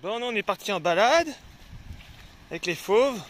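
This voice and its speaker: A man's voice: high voice, animated, normal speed, fairly bright tone, no room sound. A young man casually vlogging outdoors by a river, chatting to viewers and to his dogs, cursing now and then. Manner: chatty, talks to his dogs, swears when annoyed. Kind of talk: casual travel vlog to camera.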